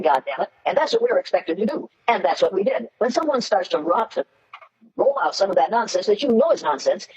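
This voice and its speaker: A woman's voice: medium pitch, darkish tone, muffled recording. An older American woman delivers a lecture to an audience in a blunt, emphatic way. She gives orders like a seasoned educator and expects to be followed. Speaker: educator and public speaker.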